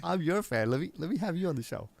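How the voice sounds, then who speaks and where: A man's voice: on the high side, expressive, quick pace, vocal fry. Chatty man hosting a livestream. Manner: chatty, upbeat, repeats words and restarts often. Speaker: livestream show host. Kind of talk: casual livestream interview.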